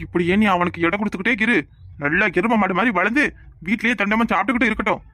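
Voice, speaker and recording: A man's voice: sits high, rapid-fire, no echo, clean studio sound. A man voicing an angry, bossy middle-aged village man in a cartoon, berating in a Kanyakumari Tamil accent. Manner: shouting, berating, sarcastic. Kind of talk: cartoon voice acting.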